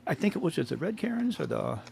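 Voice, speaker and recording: A man's voice: on the high side, sing-song, fast talker, vocal fry, a little mellow, a little hiss or hum. A man co-hosting a podcast in casual chat, rambling, laughing often and trailing off mid-sentence. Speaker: podcast co-host.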